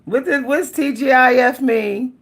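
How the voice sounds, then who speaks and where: A woman with a high voice and vocal fry speaks a little slowly while hosting a casual livestream. Between chatting with viewers and laughing a lot, she bursts into song.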